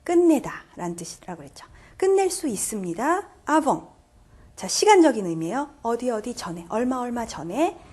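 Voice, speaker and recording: A woman's voice: on the high side, sing-song, normal speed, darkish tone, husky. A woman teaching French grammar in Korean, patiently walking through each step and quizzing her viewers. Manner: patient, repeats "자" to pace steps, quizzes viewers. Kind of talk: classroom grammar lecture.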